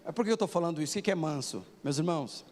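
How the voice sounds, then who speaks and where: High-voiced preacher in a reverberant hall. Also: male voice, expressive, racing, darkish tone. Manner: rhetorical questions to the congregation. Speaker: pastor. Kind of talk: sermon. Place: church hall.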